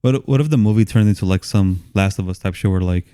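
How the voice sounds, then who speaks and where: A man's voice: sits low, fast, mellow, clear, resonant tone, no room sound, clean studio sound. A man co-hosting a casual movie podcast, laughing often, swearing and animatedly retelling scenes. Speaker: podcast co-host.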